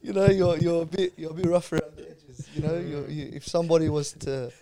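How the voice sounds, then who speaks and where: A man's voice: on the high side, fairly even intonation, fast talker, crowd noise. A man, bantering casually with friends in joking slang full of "bro". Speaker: podcast panellist.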